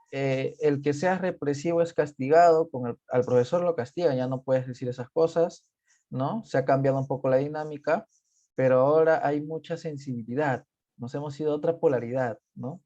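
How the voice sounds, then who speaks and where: A man, speaking calmly and thoughtfully in casual conversation. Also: fairly high pitch, moderate pace. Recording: dull lo-fi sound.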